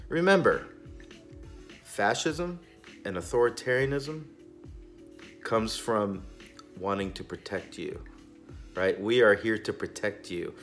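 Surrounded by stacked boxes in a small indoor storage room, the forties-aged host of a cigar review channel gives a casual, opinionated rant. He speaks in a lowish, slightly bright voice, emphatic and indignant, with broad hand gestures.

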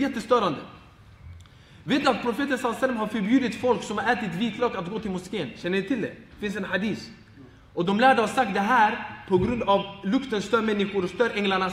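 Man teaching informally, high voice, animated, laughing, echoey reverberant hall. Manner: animated, laughing, acts out everyday examples. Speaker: Islamic teacher. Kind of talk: informal advice talk.

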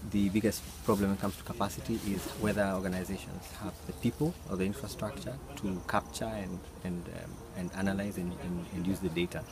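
Deep-voiced older man, loud outdoor noise. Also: flat delivery, gravelly. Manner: measured, with many fillers. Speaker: research institute director. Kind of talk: interview answer. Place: outdoors in a banana field.

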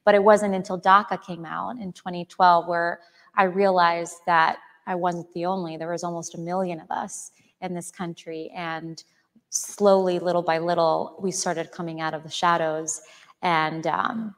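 In a long-reverb hall, a woman in her thirties originally from Chile speaks earnestly as a featured author in an onstage interview for an audience. Her tone is level, her pitch on the low side, and her delivery unhurried.

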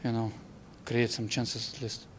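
A young man, a hockey player, giving a halting postgame interview in a locker room with simple, broken phrasing. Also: mid-range voice, completely flat delivery, slight background noise.

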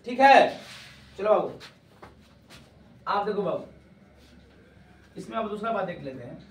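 High-voiced man teaching grammar in a classroom. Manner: calls students "babu", quizzes them loudly. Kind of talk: classroom lecture. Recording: echoey classroom from far off.

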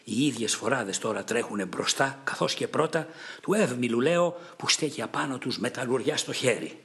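A man's voice: mid-range voice, expressive, a bit bright. A man voicing a scornful swift-footed warrior who mocks a king in an epic poem reading. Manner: mocking, scornful.

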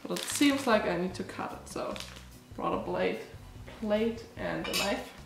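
This German food vlogger, young and stuffy-nosed from allergies, chats animatedly and without hurry as she tries snacks, full of "like" and "um." Her medium-pitched voice has vocal fry, and the low-quality recording is reverberant with music underneath. She's filmed indoors in a small cottage room by a camera framed close in front.

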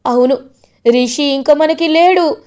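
A woman voicing a middle-aged father who cries and shouts in grief while retelling a TV serial scene. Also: sits high, measured pace, pitched above the performer's own voice. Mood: tearful. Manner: crying, shouting.

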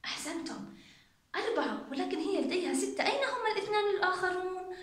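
Brief: young woman, kindergarten teacher, very high lively voice, sing-song counting, roomy echo. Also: fast. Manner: sing-song, coaxing children to count along. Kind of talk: counting lesson for young children.

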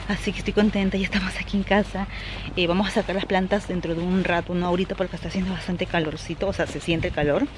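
A woman's voice: fairly low pitch, noisy background. A woman chatting casually to her viewers while showing her plants and doing house chores. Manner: chatty, addresses viewers as "chicos". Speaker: vlogger. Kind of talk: casual vlog chat. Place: at home, house and garden.

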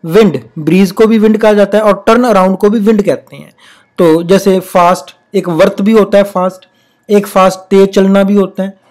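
A mid-range-voiced teacher delivers a recorded spelling lesson in classroom style, reading the English rules slowly and deliberately before explaining in Hindi. The pace stays patient and steady, with example words said more than once.

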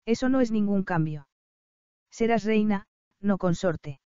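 A woman voicing a tender, anxious young male prince, dropping her voice low and speaking in a hushed, earnest way. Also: expressive, measured pace, clean tone, no room sound, highs cut off, lightly acted.

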